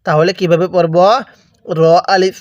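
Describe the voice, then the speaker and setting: A man's voice: on the high side, level tone, unhurried, no room sound, clean studio sound. A man teaching Quran reading with a Bangladeshi Bengali accent, patiently drilling letter sounds syllable by syllable for listeners to repeat after him. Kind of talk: slow call-and-repeat recitation lesson.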